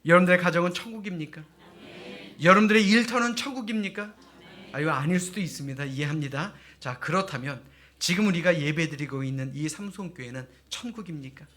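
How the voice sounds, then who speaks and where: A man's voice: on the high side, a little fast, fairly bright tone. A male pastor preaching a sermon in a church, asking the congregation emphatic rhetorical questions.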